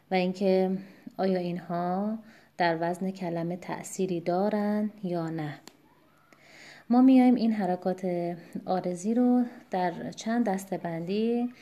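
A woman teaching Quran recitation in a patient, explanatory lecture, slowing down to demonstrate each example. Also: medium pitch, warm tone. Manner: politely formal greetings. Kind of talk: online lesson lecture.

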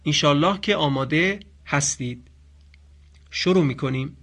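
Guy teaching quran recitation, fairly high voice, patient, slows right down to chant examples. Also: a bit bright. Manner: patient, explanatory, slowly chants example phrases. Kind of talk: radio-style tajweed lesson.

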